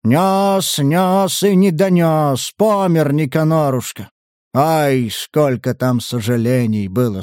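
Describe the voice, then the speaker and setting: A man's voice: a little high, a little mellow, no echo, studio quality. A man voicing a coarse, indignant middle-aged male abbot in an audiobook.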